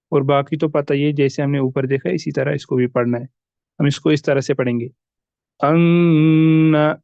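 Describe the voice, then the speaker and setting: A man's voice: fairly high pitch, creaky, no room sound, phone-quality sound. Patient man teaching recitation rules. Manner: patient, repeats examples slowly, asks and answers own questions. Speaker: tajweed teacher. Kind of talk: recorded lesson explaining rules.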